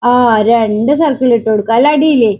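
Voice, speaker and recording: A woman with a Keralan Malayalam accent teaching children letters. She asks question after question, answers them herself, and sounds out letters slowly. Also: fairly high pitch, lo-fi sound. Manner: slow, drawn-out sounding of letters. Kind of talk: children's alphabet lesson.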